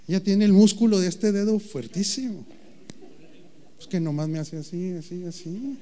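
Pastor guy, higher voice, preaching slow and punchy, cracking jokes and quizzing the crowd. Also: dark tone. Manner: playful, jokes with the congregation, calls out questions; slow emphatic preaching delivery. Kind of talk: sermon.

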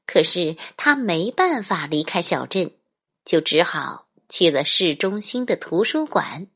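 A woman's voice: fairly low pitch, very animated, measured pace, fairly bright tone, slightly rough. A woman storyteller narrating a children's picture book expressively.

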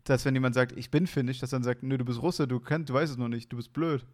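A man's voice: medium pitch, steady tone, fast, a little mellow. A young man from Hesse, chatting casually as a podcast co-host, playful and laughing, often restarting his sentences. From Hesse, Germany. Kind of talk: casual chat.

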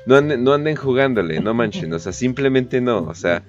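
A man's voice: mid-range voice, lively intonation, brisk. A man with a Mexican accent hosting a podcast, giving slangy, profane, joking commentary on the news with lots of fillers. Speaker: podcast host. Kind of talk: casual comedic news commentary. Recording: dull lo-fi podcast audio, faint music.

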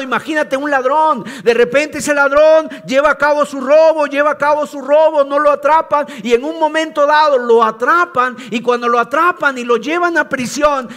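A man's voice: very high voice, pushed and bright. A man preaching a sermon in an emphatic way, repeating key phrases and asking questions to teach.

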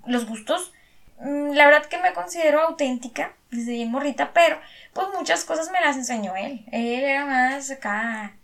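Slangy young Mexican woman telling a story. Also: high voice. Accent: Mexican Spanish. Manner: slangy and profane, quick to swear; animated, acts out what she and others said. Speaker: guest telling a personal story. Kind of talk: casual storytelling chat.

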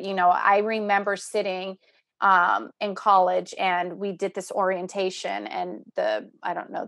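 A woman's voice: on the low side, creaky, a bit bright. A woman in her thirties speaking in a reflective, earnest way in a casual conversation. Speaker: doctoral student.

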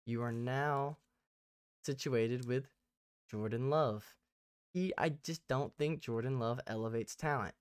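A man from Tennessee co-hosting a sports podcast in a relaxed, chatty way. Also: medium pitch, a little slow, smooth, no room sound, clean studio sound. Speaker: podcast co-host. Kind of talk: casual sports chat.

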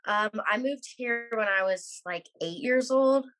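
A woman's voice: on the high side, a little slow, a bit bright, poor audio. A woman in her late twenties from Philadelphia, chatting casually as a podcast guest in a rambling way with lots of fillers. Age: 20s. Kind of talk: casual chat.

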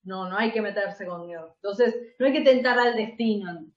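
A woman podcast host with an Argentine accent, chatting casually and throwing in teasing wisecracks. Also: medium pitch. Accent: Argentine Spanish. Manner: joking, quick wisecracks and teasing asides. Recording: dull, roomy audio.

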